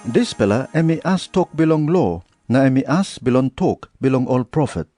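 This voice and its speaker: A man with a Papua New Guinean accent reading scripture aloud in a measured storytelling manner. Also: mid-range voice, animated, dark tone, faint music behind. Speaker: Bible reader.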